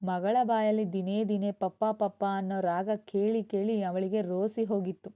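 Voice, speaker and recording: Woman reading a story aloud, steady and expressive, kinda dull lo-fi mic. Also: mid-range voice, normal speed. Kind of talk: scripted narration of a serialized novel.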